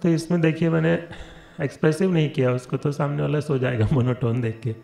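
A man teaching Indian classical singing, explaining quickly and then singing the note names and song lines slowly. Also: on the high side, fairly even intonation, vocal fry, mellow, roomy sound, faint music behind. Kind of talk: singing lesson, spoken explanation with sung sargam.

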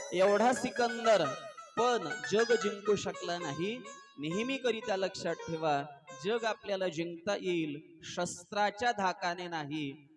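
High-voiced man preaching over music. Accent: Marathi. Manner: animated storyteller acting out dialogue, asks the audience questions. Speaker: kirtan preacher. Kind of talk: devotional storytelling sermon. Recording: live with accompanying instrumental music.

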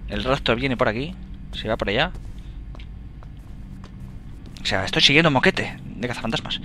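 A young man with a Spain Spanish accent giving let's play commentary, excitable, swearing and yelling at enemies as he plays. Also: medium pitch, fast talker, a little hiss or hum. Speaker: gamer.

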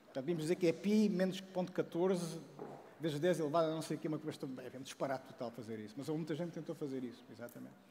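A man in his forties with a European Portuguese accent gives a casual public science talk on a big auditorium stage, using a headset mic. His fairly high voice comes rapid-fire and animated, full of restarts, "não é?" tags and joking asides. The recording has a long hall reverb and a slight hiss or hum.

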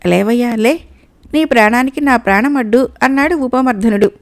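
A woman's voice: fairly high pitch, moderate pace, no echo, lightly acted. A woman voicing a male owl king who asks questions in a commanding but kindly way, in a read-aloud fable. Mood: questioning.

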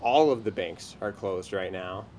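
A man's voice: low voice, a little slow, a little mellow. Evasive young tenant male actor for comedy trailer. Stammering, placating excuse-maker, prominent music behind. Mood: sheepish stalling. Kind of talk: comedy sketch acting in a parody trailer. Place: outdoors by a garden door.

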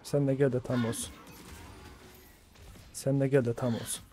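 A man's voice: mid-range voice, level tone, moderate pace, dark tone, soft background music. A man streaming a game, ranting in exasperation and swearing as he reads out his teammates' chat. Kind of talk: live gaming commentary.

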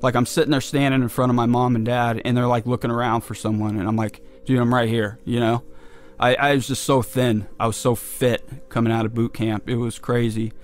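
A man's voice: mid-range voice, little pitch movement, fairly quick. A man from California, a military veteran, recalling his service in a loose, conversational way full of casual fillers. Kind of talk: casual recollection.

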